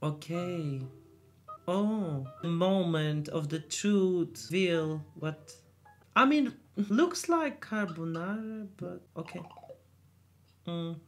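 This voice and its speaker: A woman's voice: on the low side, animated, very slow, faint music behind. A woman hosting a reaction video, thinking aloud in short bursts and repeating words as she watches. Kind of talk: casual reaction commentary.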